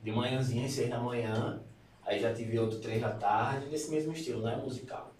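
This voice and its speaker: Um homem locutor de rádio, convidado de podcast, relembrando a carreira com calma e objetividade. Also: male voice, mid-range voice, normal speed, recorded from a distance. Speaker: podcast guest, radio announcer. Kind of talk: casual conversation. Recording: very echoey, off-mic, faint noise.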